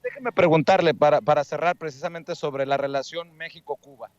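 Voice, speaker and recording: Un hombre mexicano que hace de reportero callejero, entrevista a la gente con tono cordial y bromista. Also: male voice, a little high, fairly even intonation, brisk, darkish tone, smooth, no echo. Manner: friendly, joking, coaxing. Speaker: street reporter. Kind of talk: street interview. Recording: dull lo-fi dry sound.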